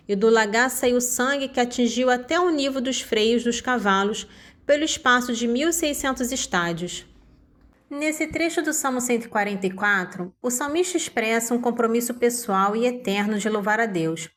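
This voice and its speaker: Woman reading scripture in a higher voice. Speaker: Bible reader. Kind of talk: scripted Bible reading with summaries.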